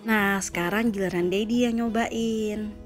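A woman's voice: mid-range voice, steady tone, measured pace, music in the background. A young woman from Indonesia, chatting directly to her viewers as she narrates her travel vlog. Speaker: travel vlogger.

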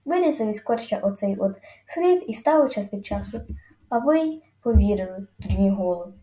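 A woman's voice: mid-range voice, animated, a little fast, dark tone, reverberant, lightly acted. A woman voicing a scared, sobbing boy prankster in a storybook reading, whining and pleading. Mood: sulky boasting.

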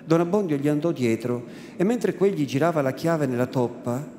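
A man giving a measured, theatrical reading of a classic novel in a large cathedral. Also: on the high side, warm tone. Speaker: reader. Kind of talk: dramatic literary reading. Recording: echoey cathedral, faint ambience.

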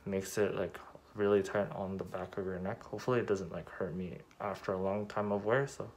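A man's voice: low-pitched, steady tone, fairly quick, darkish tone, slight background noise. A man reviewing a product in a casual, rambling way, speaking through a cloth mask. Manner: rambling, lots of fillers.

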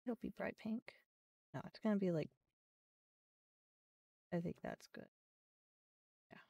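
A woman's voice: medium pitch, lively intonation, a little slow, creaky, mellow, husky, dry recording, recorded from a distance, dull audio. A young woman streaming a game, chatting casually and thinking aloud as she goes, with the odd swear word. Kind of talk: casual live-stream commentary.

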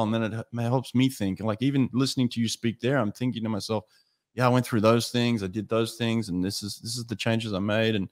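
A man's voice: medium pitch, dry recording, studio quality. A man in his fifties hosting a podcast in a casual, reflective conversational style. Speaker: podcast host. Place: small home studio indoors. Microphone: close boom-arm podcast microphone, headphones.

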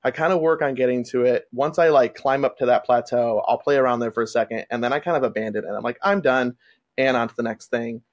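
A man's voice: mid-range voice, fairly even intonation, fast, few pauses, dull audio. A man who works as a wedding photographer, chatting casually and rambling with lots of fillers as he hosts a conversation.

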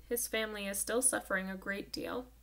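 A woman reading aloud and voicing a quiet, reserved preacher father who speaks softly and with measured care. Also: mid-range voice, fairly even intonation, close to an everyday voice. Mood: gently firm.

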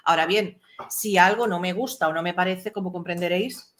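A woman's voice: lowish voice, a bit bright, a little hiss or hum. Firm-spoken woman guest, faint clicks. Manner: measured, firm, explains herself. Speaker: stream guest. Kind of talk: casual live chat.

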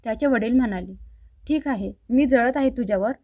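Woman, storyteller, scripted narration, all roles in her own voice, fairly high pitch, dry close sound. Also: fairly quick, dark tone, no room sound. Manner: reads all characters' lines in her own voice.

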